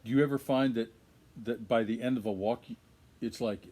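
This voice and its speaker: A man's voice: mid-range voice, steady tone, brisk, mellow. An older man interviewing a guest, telling long rambling stories full of fillers and hesitations. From Minnesota. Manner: rambling storyteller, many fillers. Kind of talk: casual interview.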